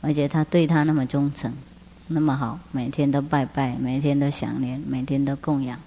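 A woman's voice: extremely low pitch, steady tone, moderate pace, warm tone, slight background noise. A woman spiritual master giving a Buddhist teaching talk, laughing often and asking rhetorical questions. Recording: long hall reverb.

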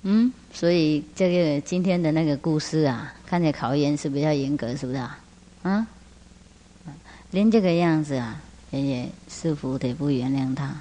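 Woman, Buddhist teacher, low voice, laughs often, long hall reverb. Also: moderate pace, mellow. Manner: frequent laughter, rhetorical tag questions. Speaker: spiritual master. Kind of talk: Buddhist teaching talk with storytelling.

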